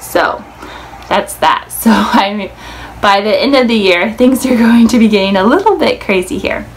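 Speaking at a medium pitch, this American vlogger in her twenties from Indiana talks informally to the camera and leans heavily on "like." She sits in a small room before a plain wall, and the rough recording picks up noticeable background room noise.

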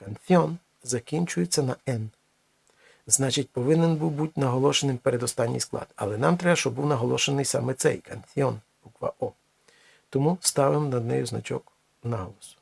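A man teaching a language lesson, explaining slowly with many pauses and restarts. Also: mid-range voice, vocal fry, slightly rough, no room sound.

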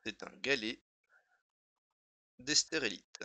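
Slow, bright and forceful, this mid-range male voice comes through a dry recording. He's casually streaming while editing a dictionary wiki, thinking out loud, muttering and repeating words, and talking to his viewers between tasks.

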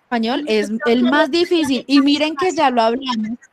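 Woman, English teacher, video call, fairly high voice, dry sound. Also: no room sound. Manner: affectionate, calls pupils "amor"; slow, drawn-out pronunciation drills. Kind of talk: online class for young children.

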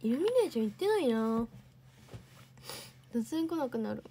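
A woman's voice: fairly high pitch, sing-song, normal speed, warm tone, a little hiss or hum. A young woman hosting a casual livestream, chatting and answering viewer comments. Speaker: idol livestream host.

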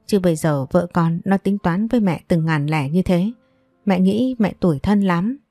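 A woman's voice: on the low side, moderate pace, no room sound, faint music behind. A woman reading as a scornful older mother-in-law. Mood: self-pitying. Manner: sharp and wailing, theatrical complaints.

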